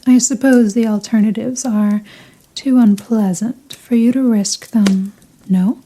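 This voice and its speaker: A possessive vampire mistress, acted by a woman in an intimate ASMR roleplay. Her voice is very soft and velvety dark, a little high, and she speaks very slowly. She is formal and teasing, with a quiet air of command. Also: steady tone. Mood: amused, possessive. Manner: slow, teasing, formal, softly commanding, breathy murmurs. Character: seductive, possessive female vampire, wealthy and dominant.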